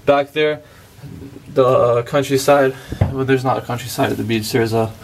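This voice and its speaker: A man's voice: medium pitch, steady tone, normal speed, slight background noise. A young man vlogging on vacation, giving a laid-back, joking tour of a beach hotel room on a handheld camera. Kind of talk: casual vacation vlog.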